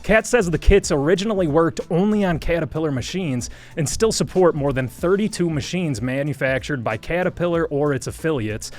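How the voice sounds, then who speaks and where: A man's voice: fairly high pitch, brisk, few pauses, soft background music. A man hosting a scripted news commentary show, explaining a legal story in a wry, joking manner with sponsor plugs. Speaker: host.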